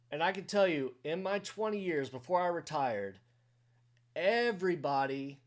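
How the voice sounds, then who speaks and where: A middle-aged man, a retired army veteran, hosting a reaction video and commenting earnestly in short emphatic bursts. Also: a little high. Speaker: reaction channel host. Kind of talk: casual commentary.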